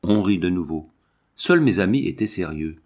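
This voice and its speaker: A man narrating a children's storybook aloud, with an expressive, lively reading. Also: low voice, normal speed.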